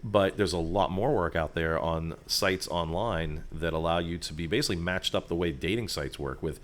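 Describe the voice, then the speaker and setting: A man's voice: sits low, moderate pace. A man, a voiceover artist and sound designer, talking as a guest over a restaurant table, chatty and loose with plenty of fillers and asides. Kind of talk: conversational explaining.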